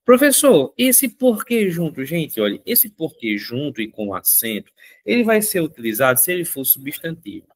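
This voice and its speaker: A male teacher walks through a grammar lesson. He talks in a lively, coaxing way and repeats each rule to make it stick, his voice sitting at a middle pitch. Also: moderate pace, slightly rough. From Northeast Brazil. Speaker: Portuguese teacher.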